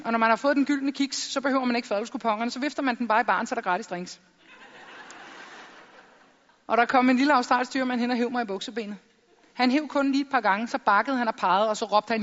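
Lively middle-aged woman, stage talk. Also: a little high, long reverb tail, muffled recording. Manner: lively storytelling with jokes and acted-out quotes. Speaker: public speaker.

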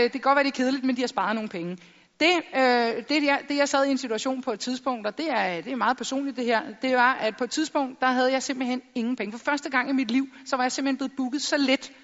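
A middle-aged woman giving a lively stage talk full of jokes and acted-out quotes. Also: sits high, in a large hall, highs cut off. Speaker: public speaker.

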